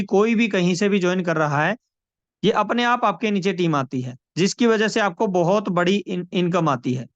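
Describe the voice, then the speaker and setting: A man giving a persuasive sales pitch on a video call, repeating numbers and calling listeners friends. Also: a bit bright, no room sound. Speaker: presenter of a money scheme. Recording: dry, dull lo-fi call audio.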